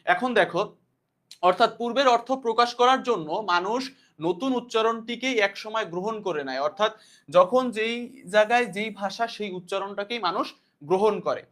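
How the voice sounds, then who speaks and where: A man's voice: high voice, fairly quick, a bit bright. A man teaching a class in a casual lecture style, explaining loosely and often repeating points and asking questions back to his students. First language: Bengali.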